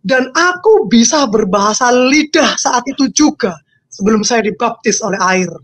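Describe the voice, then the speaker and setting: Emotional woman with a high, dry voice. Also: expressive, moderate pace, dry recording. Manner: emotional, repeats phrases, wide pitch swings. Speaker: interview guest giving a testimony. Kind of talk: emotional personal testimony.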